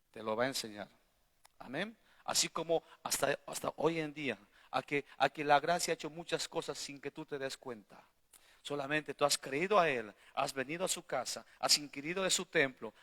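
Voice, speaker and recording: A male pastor with a bright, medium-pitched voice preaches a sermon in a church hall with long reverb. His delivery is emphatic, full of rhetorical questions to the congregation, and swings between loud bursts and quiet asides.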